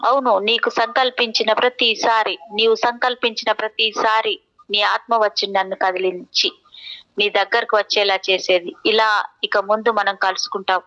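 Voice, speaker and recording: A gentle, loving young woman spirit speaks softly and soothingly, as a woman reader gives her lines. Her voice is bright and smooth, and the recording sounds slightly dull and lo-fi. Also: medium pitch, level tone, moderate pace, natural voice.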